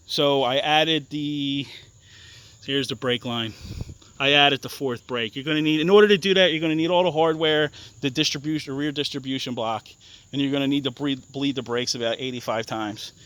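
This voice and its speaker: Walking through his off-road bike's mods, a young ATV owner talks haltingly, with plenty of ums, restarts and casual profanity, all delivered bluntly. His mid-range voice is smooth, clear and a bit bright, captured dry with no echo from the room.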